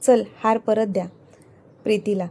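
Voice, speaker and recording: A woman's voice: medium pitch, fairly even intonation, normal speed, a little mellow, natural voice. A woman voicing a domineering, quarrelsome middle-aged mother-in-law who scolds and complains. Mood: scolding.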